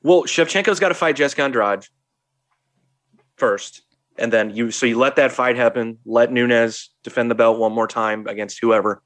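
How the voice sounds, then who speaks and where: A man's voice: medium pitch, moderate pace, a bit bright. A man co-hosting a podcast, talking casually and rambling with many restarts. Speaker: podcast co-host. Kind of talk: casual chat.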